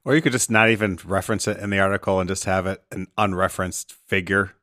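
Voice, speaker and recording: A man's voice: sits low, fairly even intonation, sharp tone. A man co-hosting a podcast, chatting casually and laughing often. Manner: giggly, quick to laugh. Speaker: podcast co-host.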